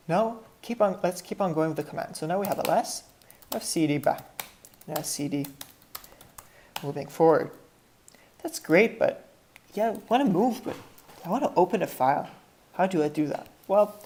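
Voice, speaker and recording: A woman with a French accent walks through a computer tutorial in a low, mellow voice. She thinks aloud as she goes, breaking off mid-phrase to restart or correct herself. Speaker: tutorial instructor. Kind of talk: screen-share software tutorial.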